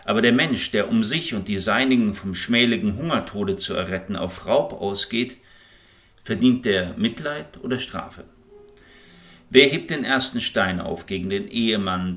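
A man reading an audiobook in an expressive, impassioned way. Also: fairly low pitch. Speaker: audiobook reader. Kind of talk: scripted audiobook narration.

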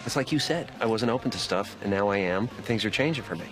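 A man's voice: fairly low pitch, lively intonation, quick pace, music in the background, close to an everyday voice. An actor playing an earnest, insistent man in film dialogue.

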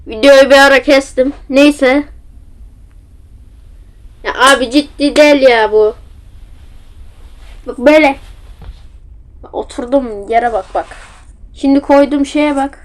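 A young-sounding woman with a slightly high voice chats through a horror game in a casual Turkish-accented ramble. She sounds flustered and pokes fun at herself while talking into a facecam mic at home. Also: fairly even intonation, measured pace, pauses often. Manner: chatty, self-mocking, easily flustered. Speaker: gamer playing a horror game. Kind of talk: casual gameplay commentary. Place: at home, seated. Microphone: facecam with built-in mic.

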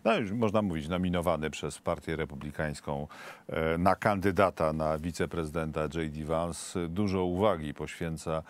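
A man's voice: very deep voice, moderate pace. A man interviewing a guest on television, asking long questions broken up by fillers.

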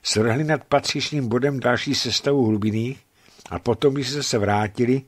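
A man reading a novel aloud in a measured, steady manner for radio. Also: medium pitch, no room sound. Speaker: radio reader. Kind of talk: scripted narration of a novel. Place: radio studio.

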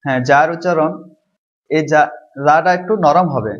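A man teaching a Quran letter pronunciation lesson, slowly drilling each sound and having students repeat after him. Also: a little high. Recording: dull lo-fi recording.

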